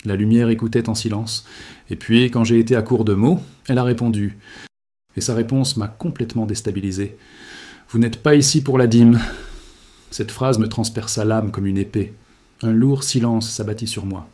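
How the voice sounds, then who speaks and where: A man's voice: on the low side, fairly even intonation, normal speed, dark tone. A man reading a grave, confessional first-person religious testimony in a solemn scripted narration.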